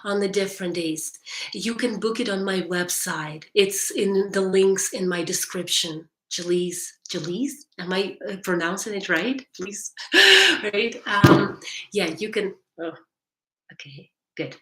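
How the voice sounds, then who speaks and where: A woman's voice: mid-range voice, measured pace, echoey room. A woman hypnotherapist talking on a live stream and answering viewers' chat, who often ends sentences with "right?" and restarts her phrases.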